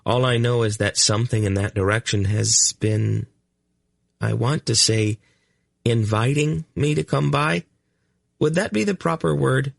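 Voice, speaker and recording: A man voicing a calm, polite young boy in an audiobook, speaking earnestly. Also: mid-range voice, unhurried, creaky, no room sound, voice pushed up.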